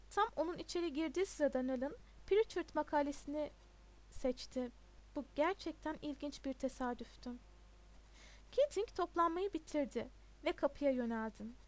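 High-voiced woman reading an audiobook. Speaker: audiobook narrator.

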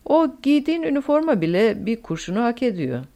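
A woman's voice: on the high side, very animated, brisk, warm tone, voice pushed up. A woman voicing a grim, blunt male American agent in an audiobook.

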